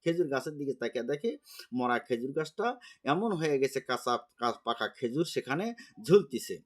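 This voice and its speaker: A man preacher telling a sacred story in a sing-song chant that suddenly soars loud. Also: medium pitch, sing-song, moderate pace. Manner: singsong chanting delivery with sudden loud soaring rises. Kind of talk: waz sermon storytelling.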